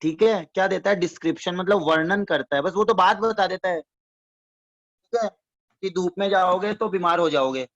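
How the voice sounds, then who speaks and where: A man's voice: high voice, normal speed, fairly bright tone. Man teaching, repeating and quizzing. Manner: explains by repetition, quizzes listeners with frequent check-in questions; addresses listeners fondly as students. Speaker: economics teacher. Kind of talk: classroom-style lecture. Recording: dull lo-fi dry recording.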